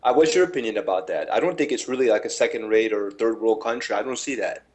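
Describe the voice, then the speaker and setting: Fast-talking man from Chicago, calling in. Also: lowish voice, a little mellow. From Chicago, United States. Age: 40s. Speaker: caller on a talk show. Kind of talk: casual conversational questioning.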